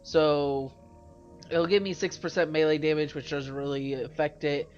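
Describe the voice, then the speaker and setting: The recording is muffled as a man with a fairly high, steady voice, speaking at normal speed, hosts a let's play. He has a cold that clogs his nose, and he casually rambles about weapon stats while correcting himself, with faint game music underneath.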